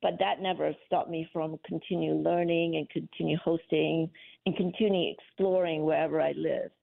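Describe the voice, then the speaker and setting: A woman from Malaysia, a guest telling her story with eager earnestness. Her voice sits low and gravelly, and it comes through a tinny phone line. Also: steady tone, normal speed. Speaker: guest, cookbook author. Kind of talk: interview answers.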